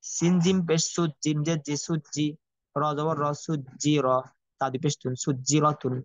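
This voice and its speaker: A fairly high-voiced man leads a Quran reading lesson. He drills each Arabic letter and vowel sign in slow, chanted repetition. The recording is dry and dull, with no room sound. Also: steady tone, a little mellow, no echo. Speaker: Quran recitation teacher.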